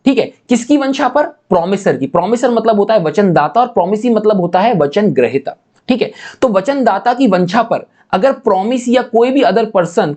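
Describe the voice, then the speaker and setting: A man teaching law in an explanatory lecture, reading definitions out slowly and asking rhetorical check-in questions. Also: sits high, a little mellow. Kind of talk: explanatory lecture mixing Hindi and English.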